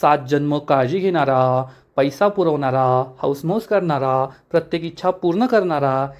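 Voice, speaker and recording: A man's voice: on the high side, moderate pace, natural voice. A man putting on a taunting, sneering woman. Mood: mocking. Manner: mocking, needling. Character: scornful, taunting woman, sharp-tongued elder relative.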